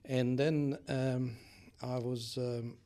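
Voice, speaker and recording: Here the same kind of guest, a Hungarian-accented engineer in his sixties originally from Hungary, answers questions in a relaxed interview. His mid-range voice sounds warm but flat in delivery, and he proceeds in a measured, hesitant way, often filling pauses with sounds.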